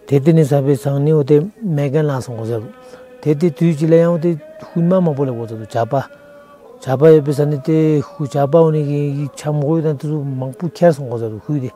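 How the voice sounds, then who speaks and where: A man's voice: on the high side, very fast, mellow, soft background music. A middle-aged monk telling the history of his monastery in an outdoor interview, recorded on a lapel mic. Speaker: senior lama of the monastery.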